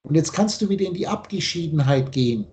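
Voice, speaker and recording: A man's voice: fairly high pitch, expressive, quick pace, darkish tone, a little hiss or hum. A man teaching on a video call, lecturing insistently and spelling out letters as he explains. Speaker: spiritual teacher.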